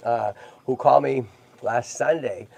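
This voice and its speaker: Gravelly-voiced man chatting on a livestream. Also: medium pitch, measured pace, darkish tone, no room sound. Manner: chatty, keeps checking in with "right?" and "okay?". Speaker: host of a tortoise rescue livestream. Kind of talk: casual livestream chat.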